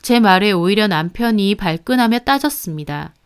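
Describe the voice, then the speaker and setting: A woman's voice: medium pitch, lively intonation, normal speed, clear, resonant tone. A woman telling a personal story in first person, in a confiding way. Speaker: story narrator. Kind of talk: storytelling narration.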